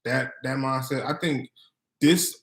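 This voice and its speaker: An American man with a mid-pitched voice talks in a noticeably echoey room. He chats casually as a co-host, slangy and a little hesitant, circling back over his words. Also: fairly even intonation, slow, fairly bright tone. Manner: hesitant, repeats himself, slangy. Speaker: vlog co-host. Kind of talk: casual chat. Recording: roomy, echoing sound.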